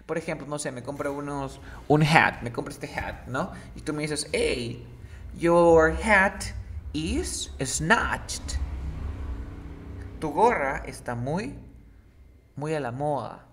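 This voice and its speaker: A man's voice: on the high side, normal speed, a little hiss or hum. A man teaching English slang in a casual lesson, often checking that the student follows. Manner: lively, checks understanding often.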